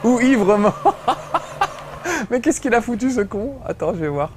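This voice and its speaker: A middle-aged man chatting through a gameplay session, joking and swearing casually as he plays. His voice is fairly high and swings widely. A faint noise sits underneath. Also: big pitch swings, takes it slowly. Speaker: host playing a video game. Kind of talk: gameplay commentary.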